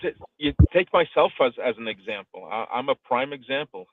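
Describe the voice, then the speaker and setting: This live streaming coach hosts an audio discussion, offering conversational advice with emphasis and repeated phrases to drive points home. His mid-range voice is very animated and a little fast. Heard through a live online audio room, the sound is tinny like a phone call, without echo.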